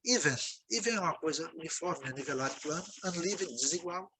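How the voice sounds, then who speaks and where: A man's voice: a little high, animated, a little fast, a crowd in the background, low-quality recording. A Brazilian man with a Brazilian Portuguese accent recording a video lesson on English vocabulary, patiently repeating words and checking in with his students. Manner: explanatory, repeats words, frequent "né, gente?". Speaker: English teacher.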